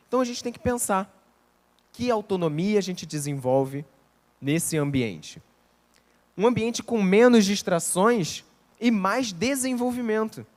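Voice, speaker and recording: A man with a Rio de Janeiro accent giving a conversational lecture, often acting out dialogue. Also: high-pitched. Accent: Rio de Janeiro Portuguese. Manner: conversational, acts out quoted dialogue. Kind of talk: lecture on parenting.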